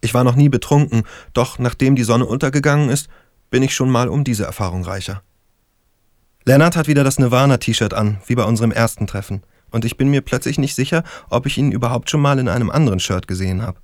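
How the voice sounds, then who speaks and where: A man reading a first-person story aloud in a calm, measured and slightly wry way. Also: medium pitch, dry recording, clean studio sound. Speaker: audiobook narrator. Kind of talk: first-person scripted narration.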